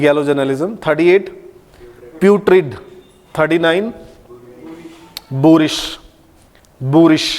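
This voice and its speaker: A man's voice: a little high, a little mellow, big-room sound. A male English teacher, giving a classroom vocabulary lecture and drilling each word by saying it aloud several times. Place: classroom with a board.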